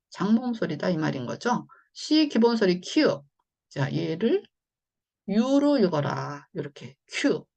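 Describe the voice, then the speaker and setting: Gravelly-voiced woman teaching phonics. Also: on the low side, a little mellow. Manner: patient, explains slowly with many fillers. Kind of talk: online phonics lesson.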